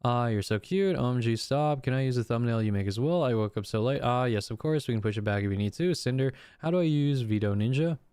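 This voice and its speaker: A man's voice: medium pitch, fast talker, few pauses, clear, resonant tone, no echo, studio quality. A man streaming, reading a document of messages aloud with casual commentary and the odd outburst. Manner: reads text flatly, breaks off with swearing and laughs.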